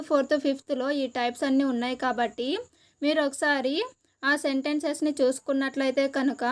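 A high-pitched woman with a Telugu accent teaches an exam-preparation lesson. She explains steadily, pausing to list each term one by one. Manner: slow, deliberate listing of terms one by one.

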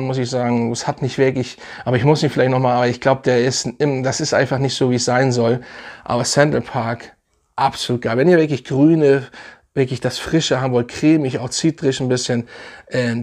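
A man's voice: medium pitch, darkish tone. A man casually reviewing fragrances for his channel, enthusiastic and rambling, with many fillers and restarts.

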